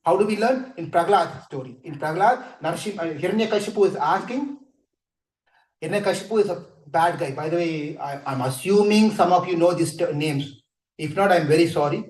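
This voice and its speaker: High-voiced man telling scripture stories. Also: fairly quick, roomy sound, poor audio. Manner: lively, acts out the stories, jokes with the audience. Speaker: spiritual speaker. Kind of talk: scripture storytelling talk.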